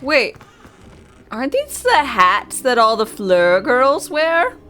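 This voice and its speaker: A woman's voice: sits high, wildly swooping pitch, slow, pushed and bright, faint music behind. A woman streaming a video game, chatting casually with viewers. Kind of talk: casual gameplay commentary.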